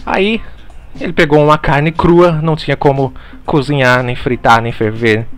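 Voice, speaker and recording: A man playing a mock teacher in a parody online lecture, deadpan and mock-serious, swearing casually while talking over slides. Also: on the high side, normal speed, clean tone, soft background music.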